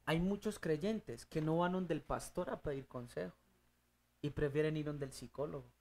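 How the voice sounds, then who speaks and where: A Bible teacher leading a study group, emphatic, putting questions to the audience and answering them, with loud rising bursts. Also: mid-range voice, moderate pace.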